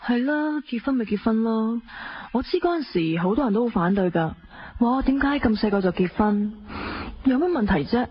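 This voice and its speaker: Speaking with a Hong Kong accent, a young adult actress narrates in first person as a playful, spoiled twenty-something wife for a radio drama. The delivery is natural and breezy, candid, with fairly high pitch, lively intonation and a moderate pace, captured in dull lo-fi sound with a little noise.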